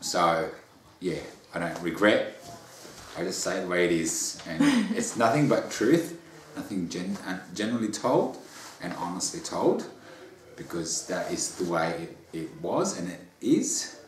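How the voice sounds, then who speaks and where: A man's voice: low voice, expressive, measured pace, slight background noise. An Australian man being interviewed about his memoir, talking in a bubbly, earnest way with repeated words. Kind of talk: casual interview chat. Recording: roomy echo.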